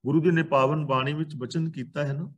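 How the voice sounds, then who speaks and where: A man with a Punjabi accent explaining scripture in a calm way, pausing between short phrases. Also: a little high, muffled recording. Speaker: Sikh scripture teacher.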